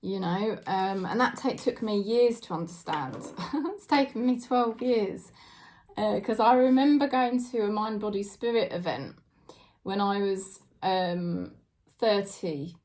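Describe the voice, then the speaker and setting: A British woman in her forties reads tarot casually to camera, chatty and hesitant, full of fillers and soft laughs. Her mid-range voice keeps a measured pace.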